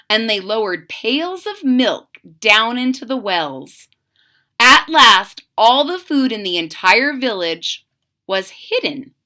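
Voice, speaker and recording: Her voice leaning high, a woman brings a children's picture book to life expressively, turning to her young audience with direct questions as she reads.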